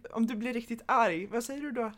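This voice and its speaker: A young woman co-hosting a podcast, asking questions thoughtfully and slowing down as she searches for words. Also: fairly high pitch. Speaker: podcast host. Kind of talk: casual chat.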